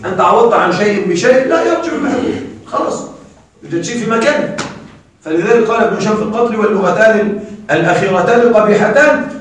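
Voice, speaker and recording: A man teaching grammar in a classroom lecture, quizzing his students with quick questions. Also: high voice, slight background noise. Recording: very echoey room, mic far off.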